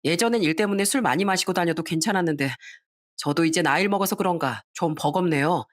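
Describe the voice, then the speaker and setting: A woman's voice: on the low side, fast talker, natural voice. A woman voicing a weary, sick middle-aged son who speaks in a subdued, apologetic way. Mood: tired.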